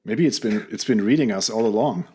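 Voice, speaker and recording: A man's voice: lowish voice, fairly quick, mellow, slightly rough. A man co-hosting a casual podcast chat, easygoing as he hands over questions and wraps up the show. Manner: easygoing, wraps up the show and invites listener input. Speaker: podcast co-host.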